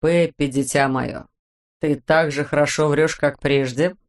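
Cast: a booming, fatherly old sea captain, slow and drawn out, read by a woman. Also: steady tone. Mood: fond. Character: big jolly man, a sea captain and island king.

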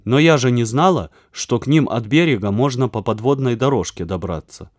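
A man's voice: mid-range voice, animated, moderate pace, no room sound, studio quality, lightly acted. A man doing a plucky young schoolgirl. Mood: brisk. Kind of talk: audiobook character voice.

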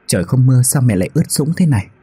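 A man with a husky voice voicing an anxious, grieving young woman who pleads through tears. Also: medium pitch, animated, racing, mellow, voice pushed up. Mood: pleading. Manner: pleading, tearful.

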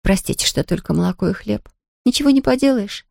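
A woman's voice: medium pitch, animated, fast, vocal fry, a little mellow, no echo, studio quality, pitched above the performer's own voice. A woman reading an audiobook, voicing a flustered, kind-hearted young housemaid who frets and exclaims. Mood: apologetic. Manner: fussing, anxious, exclaiming.

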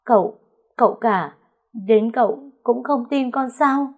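A woman playing a pleading young servant girl. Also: unhurried. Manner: high, pleading and tearful.

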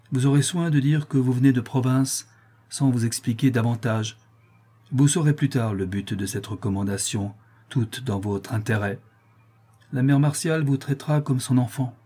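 A man's voice: medium pitch, warm tone, lightly acted. Harsh scheming notary, voiced by a man: cold, commanding, angry.

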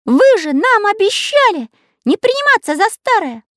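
Woman playing a high squeaky little wizard boy, strict, storybook voice. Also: big pitch swings, normal speed, fairly bright tone, no echo, clean studio sound, heavily acted. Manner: strict, nervous.

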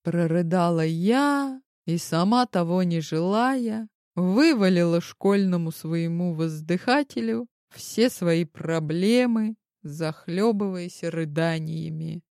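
A woman reading a first-person novel aloud in a wry, brash, expressive manner. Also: on the low side, takes it slowly, no echo, clean studio sound. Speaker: audiobook narrator.

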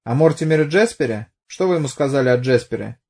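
A man's voice: medium pitch, lively intonation, fast talker, mellow, breathy edge. A man playing a blunt, mocking police detective who presses a witness, in an audiobook. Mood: probing. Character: pushy sarcastic middle-aged police detective.

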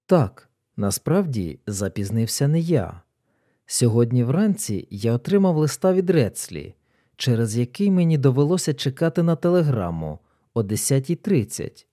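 A man voicing a calm, composed male detective who speaks low and matter-of-fact. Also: moderate pace.

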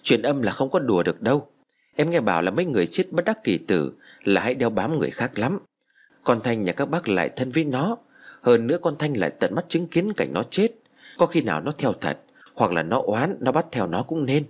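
A man's voice: medium pitch, big pitch swings, fairly quick, breathy edge. A man voicing a gossipy, superstitious mechanic's wife who talks in warning tones. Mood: ominous gossip.

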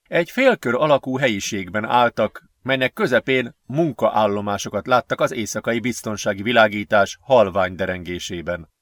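A man reading an adventure novel aloud as an audiobook narrator, steady and measured. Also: on the low side, dry recording, studio quality. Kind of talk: scripted narration.

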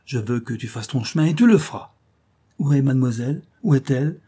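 A man's voice: mid-range voice, lively intonation, fairly quick, mellow, breathy edge. A man voicing an enthusiastic, effusive male music master in a storybook reading. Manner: effusive, exclamatory.

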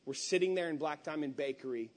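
A man pastor preaching a conversational sermon, animated and candid, swinging between loud emphatic bursts and quiet asides. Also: fairly high pitch, quick pace. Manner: candid venting tone.

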